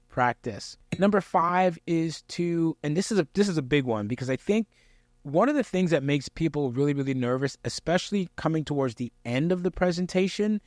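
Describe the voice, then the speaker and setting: A man giving instructional tips straight to the listener in a clear, projected presenter's delivery, conversational yet emphatic and encouraging. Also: fairly high pitch, darkish tone, no echo, studio quality. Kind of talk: conversational instructional talk to camera.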